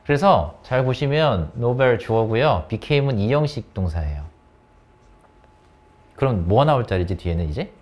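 A man's voice: mid-range voice, measured pace. A man teaching an English grammar lesson in a classroom, asking his students question after question and calling on them by name, with English. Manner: lively, coaxing questions to students. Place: academy classroom.

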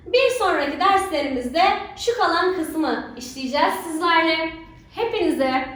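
A woman's voice: extremely high pitch, a bit bright. A woman teacher giving a recorded lesson to schoolchildren, who keeps asking rhetorical questions to draw her pupils in. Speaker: religion teacher. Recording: very echoey room, voice far from mic.

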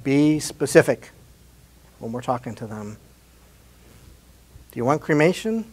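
Man gently teaching with a slide talk. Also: a little high. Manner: conversational, often asks rhetorical questions and adds "right?". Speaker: presenter at a parish adult education talk. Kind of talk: slide presentation lecture.

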